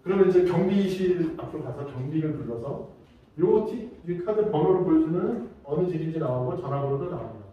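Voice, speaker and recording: A man giving a safety training lecture, telling lively stories and acting out examples. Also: fairly high pitch, a little fast, lo-fi sound. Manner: lively storytelling with acted-out examples. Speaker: safety instructor. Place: large lecture room. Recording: echoey hall, mic far off.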